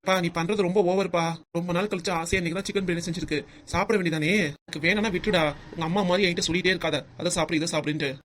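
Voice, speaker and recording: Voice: medium pitch, steady tone, racing, a bit bright, a little hiss or hum, lightly acted. A performer voicing a stubborn, sulking husband and father in a cartoon comedy, blunt and dismissive.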